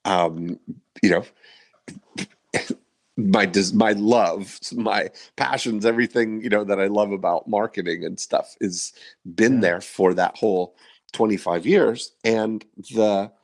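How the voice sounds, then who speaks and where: A man's voice: on the low side, slow pace. A man in his fifties hosting a podcast, talking in a reflective, rambling way with many fillers. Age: 50s. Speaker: podcast host. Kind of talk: casual interview chat.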